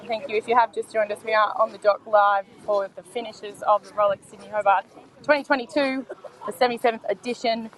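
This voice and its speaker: A woman's voice: medium pitch, steady tone, brisk, low-quality recording. A woman hosting live dockside interviews and commentary outdoors on a marina, enthusiastic and chatty. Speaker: sailing reporter and host.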